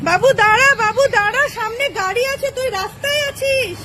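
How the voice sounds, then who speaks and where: A woman's voice: very high voice, fairly quick. A woman in a comic street skit, pleading frantically and repeating herself. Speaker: comedy skit creator. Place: outdoors by a busy road. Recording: noisy street with passing traffic.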